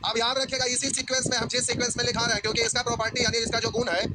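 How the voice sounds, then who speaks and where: A man teaching a math class, dictating notes slowly and repeating each phrase for students to copy. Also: extremely high pitch, level tone, background noise. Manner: casual, checks if students follow.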